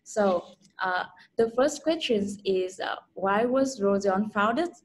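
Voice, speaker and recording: Young female host on a webcam, mid-pitched, asks slow careful questions. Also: lively intonation. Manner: slow, careful second-language English. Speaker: interview host. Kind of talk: video call interview. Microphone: video call webcam.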